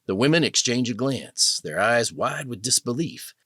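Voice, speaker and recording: A man narrating an audio drama with dramatic, expressive storytelling. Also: mid-range voice, moderate pace, dry recording, clean studio sound. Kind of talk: scripted narration.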